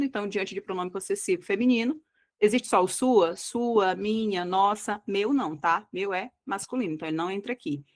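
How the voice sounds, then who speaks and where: A woman with a Brazilian Portuguese accent teaching an exam-prep grammar lesson, explaining step by step and checking in with her students often. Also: mid-range voice. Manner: didactic, checks in often with "tá?" and "tá bom?"; slows down to stress key words.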